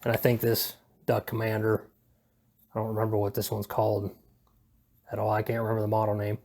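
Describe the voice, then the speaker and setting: A lowish, gravelly, slightly mellow voice comes through with completely flat delivery at a slightly fast pace. The man is presenting a casual hobby how-to from home, unscripted and rambling, hesitant and self-deprecating yet laid-back.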